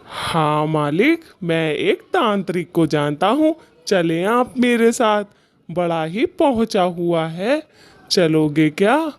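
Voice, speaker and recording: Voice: medium pitch, very animated, slow pace, no echo. A performer voicing a timid, obedient male watchman in a cartoon story. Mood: deferential. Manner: deferential, nervous.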